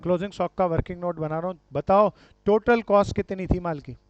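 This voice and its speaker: A man's voice: high-pitched, fairly quick, clear, resonant tone, no room sound. A man teaching a commerce class, quizzing his students and calling them dear friends and brother. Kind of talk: classroom lecture with questions to students. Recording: dull lo-fi sound.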